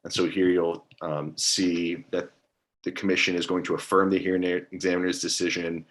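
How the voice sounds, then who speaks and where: A man giving a hesitant, monotone staff briefing at a public meeting over a video call, filling pauses with um. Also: deep voice. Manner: monotone, hesitant with many ums. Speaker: staff attorney at a commission meeting.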